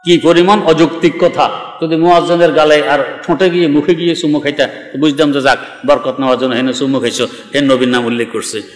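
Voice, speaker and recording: Argumentative preacher, echoey hall. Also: male voice, a little high, steady tone, brisk, few pauses, faint music behind. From Bangladesh. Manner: emphatic, argumentative, mocking. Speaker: Islamic preacher. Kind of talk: sermon.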